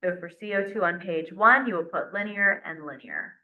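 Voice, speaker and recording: A woman teaches chemistry, walking students through each step and counting aloud as she works at the board. Her voice sits a little low for a woman. The recording is dull and lo-fi, with the ring of a roomy classroom. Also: normal speed. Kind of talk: classroom lecture.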